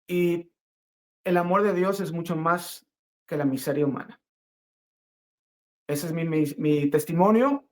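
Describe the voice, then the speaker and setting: In a voice on the high side, a middle-aged man offers an unscripted religious testimony from his own life. He's earnest but halting, and he repeats phrases for emphasis.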